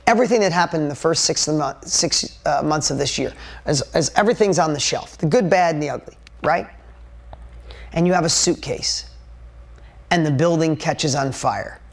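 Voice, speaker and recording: A man's voice: fairly high pitch, gravelly. A middle-aged man giving a candid, emphatic motivational talk, firing off rhetorical questions and swearing now and then. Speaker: motivational speaker.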